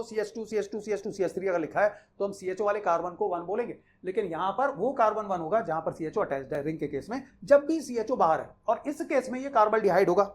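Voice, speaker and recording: A man teaching chemistry, explaining naming rules in a conversational way and repeating the key points for students. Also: sits high. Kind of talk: explaining IUPAC naming in a Hindi-English mix.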